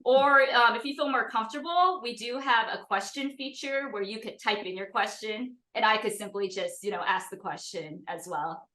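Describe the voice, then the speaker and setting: Woman host on a video call, bright higher voice, roomy echo, chatty filler-heavy delivery. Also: normal speed, hardly any pauses. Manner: chatty, lots of fillers, warm thanks. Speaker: community host. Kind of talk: casual video call hosting.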